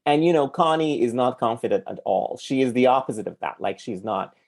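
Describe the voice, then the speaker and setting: Male podcast host, gravelly voice, mid-range pitch; casual and hesitant, feeling his way through each point. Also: expressive, brisk, a little mellow. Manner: hesitant, thinking aloud with many fillers. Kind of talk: casual film discussion.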